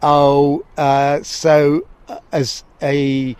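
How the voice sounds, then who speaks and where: A man's voice: a little high, drawn-out words, clear, resonant tone, dry recording. A man from Essex with a southern English accent, giving discursive, stop-start interview answers as a walking guide, recorded outdoors. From Essex, England. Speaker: walking guide and festival guest. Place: outdoors near a creek by the estuary. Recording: steady background noise, outdoors.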